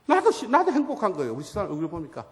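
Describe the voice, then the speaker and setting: A male guest pastor giving a lively sermon at an evangelism seminar, acting out little dialogues between churchgoers and their relatives. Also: sits high, very fast. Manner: animated storytelling, acting out dialogues of churchgoers and spouses. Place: church sanctuary. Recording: long reverb of a church hall.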